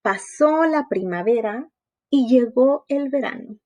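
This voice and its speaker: A teacher who reads a story aloud and explains it slowly to young children. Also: female voice, a little high, animated, warm tone, lo-fi sound. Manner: slow, sing-song, explaining to young children. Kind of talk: reading a story aloud for a lesson.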